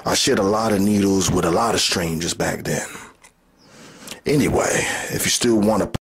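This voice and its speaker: A man's voice: deep voice, moderate pace, slightly rough. A man playing a blunt, cocky streetwise lover in a comic monologue, talking in brash casual slang.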